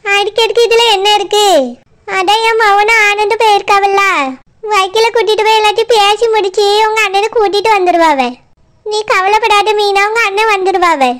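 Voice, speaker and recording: A woman playing an older village sister-in-law with a Tirunelveli Tamil accent, firm and blunt as she comforts and scolds. Her voice sits very high for a cartoon. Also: fairly even intonation, moderate pace, a bit bright. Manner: scolding, consoling.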